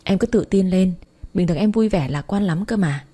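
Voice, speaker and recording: A calm, confident young boyfriend from a spoken storybook, as a woman reads him. He talks in a gentle, coaxing way. The voice is low and mellow. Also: moderate pace, close to an everyday voice.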